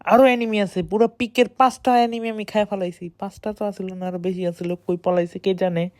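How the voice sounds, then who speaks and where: A woman gives excited, boastful running commentary while playing a shooter game, speaking close to the mic. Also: mid-range voice, fairly quick, dry recording. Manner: excited, boastful self-talk. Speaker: gamer streamer. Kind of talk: live gameplay commentary.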